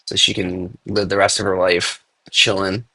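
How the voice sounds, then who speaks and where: A man's voice: sits low, flat delivery, normal speed, pushed and bright. A young man hosting a casual crypto chat, laid-back and filling his talk with "dude" and "like". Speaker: podcast host.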